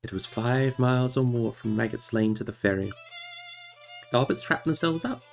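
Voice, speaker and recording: A man reading a story aloud on a live stream in a steady, measured voice. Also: medium pitch, creaky, faint music behind. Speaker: audiobook reader on a live stream. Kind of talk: audiobook reading.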